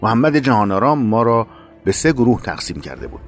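A man narrating a war memoir in a measured, dramatic reading. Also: medium pitch, very animated, soft background music.

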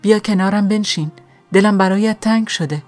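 Kind older woman, motherly, gentle, affectionate tone, voiced by a woman reader. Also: medium pitch, soft background music, close to an everyday voice.

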